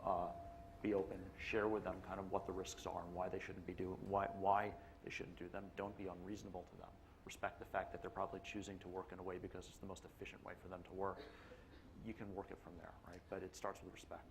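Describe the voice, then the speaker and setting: A man's voice: deep voice, little pitch movement, quick pace, a little hiss or hum. A man on a conference panel, giving earnest, firm advice. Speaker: panelist CIO. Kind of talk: panel discussion.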